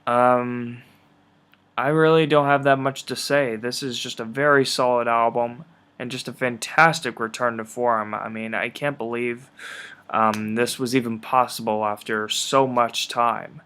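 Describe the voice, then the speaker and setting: A man giving a casual spoken album review, raspy from polluted air, halting with many ums and uhs. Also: medium pitch, fairly even intonation, a bit bright.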